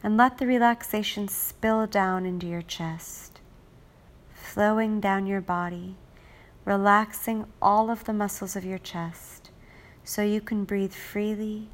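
Slow, soothing woman guiding relaxation. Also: medium pitch, a little hiss or hum. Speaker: hypnotist. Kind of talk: guided relaxation script.

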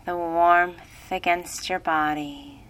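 A woman leading a guided relaxation, speaking in a soothing, hushed way. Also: lowish voice, fairly even intonation, slow pace, low-quality recording. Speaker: meditation guide.

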